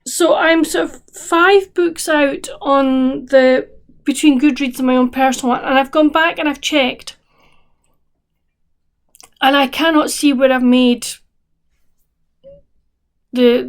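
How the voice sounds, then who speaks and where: A woman with a fairly high voice talks casually to her viewers as a book vlogger. She rambles along with many restarts and fillers. She sounds a bit tired. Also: fairly even intonation, takes it slowly, long pauses. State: tired, yawning. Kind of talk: casual chat to camera.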